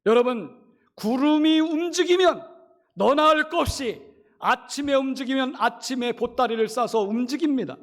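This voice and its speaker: A middle-aged pastor from Chungcheong in South Korea preaching a sermon, asking the congregation rhetorical questions and acting out quoted lines. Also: male voice, very high voice, normal speed.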